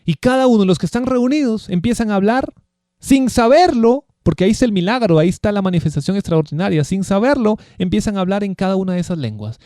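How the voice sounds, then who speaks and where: Emphatic man preaching, somewhat high voice. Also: expressive, fast, dark tone, dry recording, studio quality. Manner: emphatic, asks rhetorical questions. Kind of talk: Bible teaching sermon.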